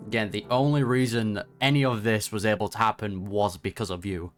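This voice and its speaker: A gaming reaction streamer offers casual commentary on a video game, sounding conversational and sympathetic. His voice is lowish and steady, and he talks briskly over soft background music.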